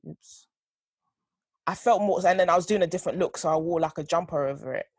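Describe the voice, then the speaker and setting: A woman's voice: lowish voice, fairly quick, husky, no room sound, studio quality. A young woman chatting casually as a podcast co-host, slangy and emphatic, often checking that she is understood. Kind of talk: casual conversational podcast chat.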